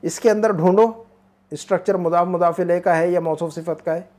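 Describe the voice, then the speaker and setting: A man teaching Arabic. He drills phrases slowly, then explains quickly. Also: high-pitched, fairly even intonation, a little mellow. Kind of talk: one-on-one language lesson.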